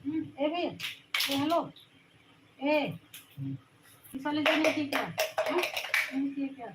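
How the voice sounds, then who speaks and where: A woman's voice: high-pitched, steady tone, slow pace, heavy background noise. A woman hosting a casual live stream from a room at home on a phone. She greets viewers by name and scolds a child off to the side.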